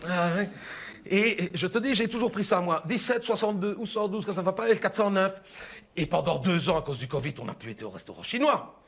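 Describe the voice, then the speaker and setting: A man's voice: sits high, animated, a little fast, fairly bright tone. A man performing a chatty, gossiping middle-aged mother with a Belgian French accent, in a rambling stand-up monologue. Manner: rambling, gossipy, confiding, full of "hein" and "écoute bien". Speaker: stand-up comedian in character.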